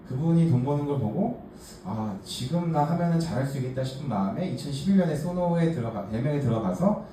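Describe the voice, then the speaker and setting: A dark-toned, medium-pitched male voice: a man in his forties from Gangneung, South Korea's Gangwon Province, serving as a workshop case presenter. He tells a group his life story in a chatty, self-mocking way, using many fillers. The audio has an echoey room, distant mic and faint hiss.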